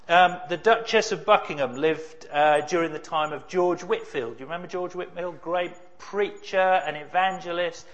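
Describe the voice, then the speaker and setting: A man's voice: a little high, fairly bright tone, lo-fi sound. A man preaching a sermon in a conversational way, with rhetorical questions and wry humor. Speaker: pastor.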